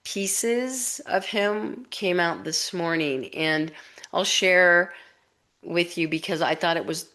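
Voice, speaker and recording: A woman researcher and author giving a casual spoken account of a personal experience, rambling and animated, with many fillers and restarts. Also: on the low side, takes it slowly.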